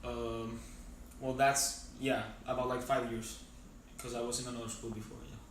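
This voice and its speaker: A teenage boy from Venezuela answers questions haltingly, filling pauses and restarting his sentences. He sits at some distance from the mic in a very echoey room. His pitch is mid for a young man. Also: little pitch movement, slight background noise. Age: teens. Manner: hesitant, many fillers and restarts. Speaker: interviewee. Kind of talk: casual interview answers.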